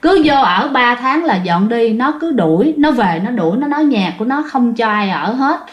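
A woman's voice: a little high, expressive, normal speed, dull audio. A woman narrating a ghost story in a chatty way, talking directly to her listeners. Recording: roomy echo.

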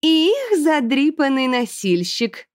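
A woman's voice: sits high, very animated, slow, no echo, clean studio sound, pitched above the performer's own voice, full character voice. A woman reading an audiobook, voicing a spoiled, haughty aristocrat girl who sneers and shrieks. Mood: sneering.

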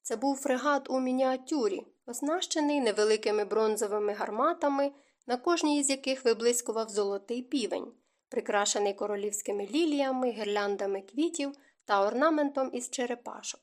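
A woman narrating a historical romance audiobook in a smooth, even storytelling manner. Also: on the high side, a little fast. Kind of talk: scripted narration.

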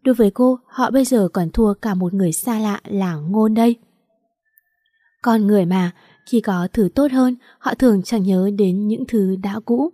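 A woman reads a romance novel aloud in a steady storytelling voice. Her tone is mellow and warm. She sits close to the mic in a dry, dead-quiet recording. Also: medium pitch, normal speed, no room sound. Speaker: audiobook narrator.

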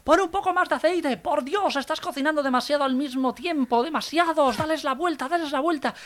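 A man from voicing a frantic, nagging wife who yells orders nonstop. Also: extremely high pitch, a little fast, soft background music, voice pushed up. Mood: frantic shrieking. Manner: shouting nonstop orders in a panic.

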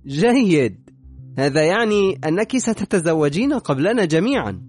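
A man voicing a brash young know-it-all who talks with lively scorn. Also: a little high, moderate pace, husky, faint music behind, pitched above the performer's own voice. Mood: teasing.

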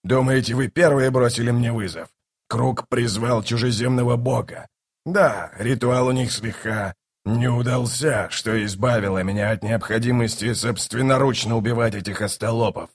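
A man's voice: medium pitch, fairly even intonation, normal speed, slightly rough. A man voicing a scornful ancient tyrant king in an audiobook, mocking and boastful. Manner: mocking, boastful, erupts into shouting. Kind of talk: audiobook character voice.

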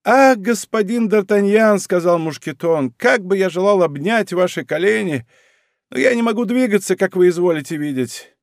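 A man's voice: animated, moderate pace, no room sound, clean studio sound. A man voicing a fat, aging manservant who sighs and moans plaintively in a storybook reading. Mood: plaintive joy. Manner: high plaintive moaning and sighing. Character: fat aging male servant, plaintive and fawning.

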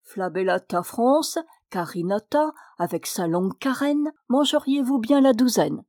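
A woman's voice: on the high side, expressive, measured pace, a little mellow, no echo, studio quality. A woman voicing a tiny, pedantic old hunchbacked gnome who collects fossils, fussing over Latin names.

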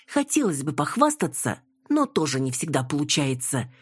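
A woman voicing a sharp-tongued, nervous older mother with a tart, sardonic way of talking. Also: deep voice, big pitch swings, normal speed, husky, full character voice.

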